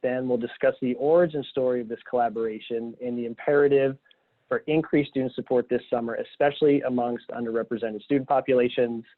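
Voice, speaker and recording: A man hosting a video-call webinar, relaxed and upbeat, laughing easily while guiding the panel. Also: mid-range voice, quick pace. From Philadelphia, Pennsylvania. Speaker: webinar host. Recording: tinny phone-like call audio.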